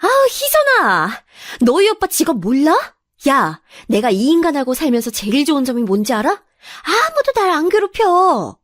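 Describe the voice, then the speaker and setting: Woman putting on a teasing sister-in-law, high, very lively, drawn-out, dry close sound. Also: no echo. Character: blunt, amused young sister-in-law.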